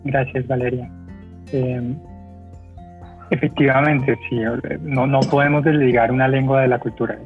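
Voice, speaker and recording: A man moderating a panel discussion, speaking haltingly with many fillers and restarts. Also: medium pitch, steady tone, soft background music. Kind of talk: hesitant conversational moderating. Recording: tinny phone-like line.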